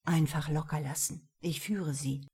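A woman voicing a self-assured, flirtatious male prosecutor in a storybook reading, with a low, coaxing delivery. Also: steady tone, measured pace, darkish tone, breathy edge, exaggerated voice.

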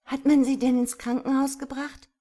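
A woman voicing a frightened young girl who has just lost her parents, speaking in a high, pleading voice and crying. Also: unhurried, darkish tone. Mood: anxious.

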